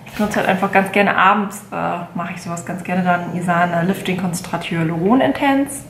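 A woman's voice: lowish voice, a little fast, reverberant, background noise. A woman in her late twenties chatting casually in a haul vlog, rambling with many fillers and self-corrections. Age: 20s. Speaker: beauty vlogger. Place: bedroom at home, indoors.

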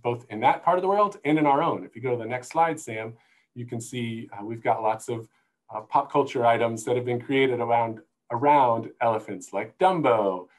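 Presenting slides informally as a guest speaker on a video call, a middle-aged zoo conservation manager from the United States speaks with an American accent. He sits in an indoor room using an earphone headset, and his medium-pitched voice comes at a moderate pace through a rough recording.

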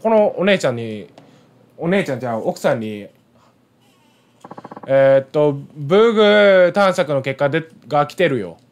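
A man with a Kansai accent chats and mutters to himself while he plays a game. His voice sits a little high. He keeps his talk casual and loose. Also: expressive, a little slow, long pauses. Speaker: game streamer. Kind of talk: casual let's-play commentary.

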